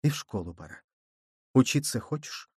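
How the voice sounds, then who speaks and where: A man voicing a self-assured young mother who speaks firmly and with quiet command. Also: medium pitch, animated, normal speed, slightly rough, dry recording, studio quality. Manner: firm, quietly assertive.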